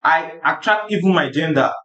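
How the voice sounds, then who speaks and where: A man's voice: a little high, moderate pace, pushed and bright. A man hosting a casual group chat, often repeating and rephrasing himself. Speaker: host reading anonymous messages. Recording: echoey room.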